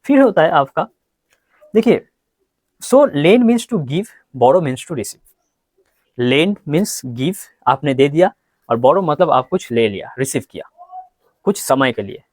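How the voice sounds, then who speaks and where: A man teaching a grammar lesson, explaining in Hindi and reading examples slowly. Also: fairly high pitch, animated, a little mellow, no room sound. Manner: explains in Hindi, reads English examples slowly and repeats words. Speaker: English teacher.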